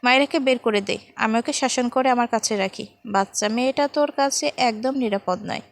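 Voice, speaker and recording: A cheeky young man from a storybook needles his friend in mocking, teasing banter, as a woman reader puts him on. The voice sits fairly high and sounds playful rather than truly angry. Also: brisk, close to an everyday voice.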